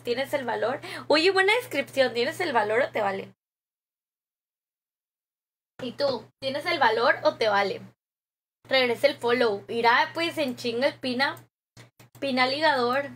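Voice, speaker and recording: A woman's voice: high voice, normal speed, a bit bright, slightly rough. A young Mexican woman streaming live, chatting casually with viewers and reading their comments aloud, with frequent laughs. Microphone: desk microphone.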